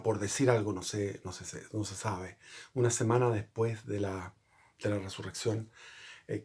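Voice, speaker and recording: A man's voice: fairly low pitch, slightly rough. A man hosting his own channel, giving an earnest unscripted religious monologue. He rambles, often restarting and correcting himself mid-sentence. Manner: earnest and explanatory. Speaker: channel host.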